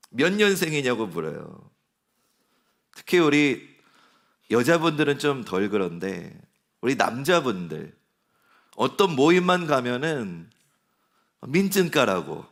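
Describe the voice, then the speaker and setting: A pastor in his forties preaches a sermon in a church sanctuary, keeping it conversational and posing questions to the congregation. His voice is medium-pitched with a fairly bright tone.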